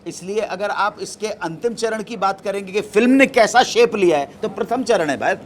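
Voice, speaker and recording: A middle-aged man at a press event, answering reporters' questions in a deliberate, explanatory way and dropping English terms into his answers. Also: sits high, a little hiss or hum.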